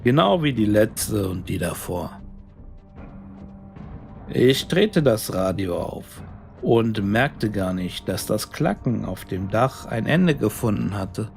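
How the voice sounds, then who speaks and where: A man narrating a scripted horror story in a deliberate, suspenseful, dramatic way. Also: fairly low pitch, sing-song, gravelly, soft background music.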